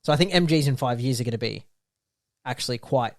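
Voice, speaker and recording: A man's voice: medium pitch, fast, no echo, studio quality. A man co-hosting a car podcast, chatting casually with a teasing, opinionated manner. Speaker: podcast co-host. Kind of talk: casual chat.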